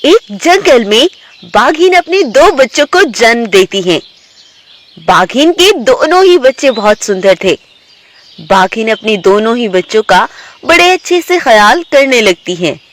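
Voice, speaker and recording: A woman narrating an animated children's story in a storybook manner. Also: a little high. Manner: slow, storybook telling.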